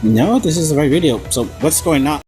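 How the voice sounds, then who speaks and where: His voice sits fairly high, with a darkish tone, and he talks briskly and expressively. He's a video essayist giving casual, sarcastic, sweary review commentary over background music.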